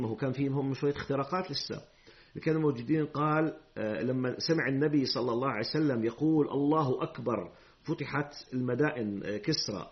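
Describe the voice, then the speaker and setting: A man's voice: medium pitch, lo-fi sound. A man giving a religious lesson. He reads hadith formally, then explains them in colloquial speech and throws rhetorical questions at his listeners. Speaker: Islamic preacher.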